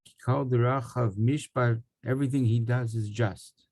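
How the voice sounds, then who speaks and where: Gravelly man giving a Torah talk. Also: mid-range voice, fairly even intonation, normal speed, darkish tone, no echo. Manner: loose storytelling with fillers. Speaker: Torah teacher. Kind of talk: weekly Torah talk with stories.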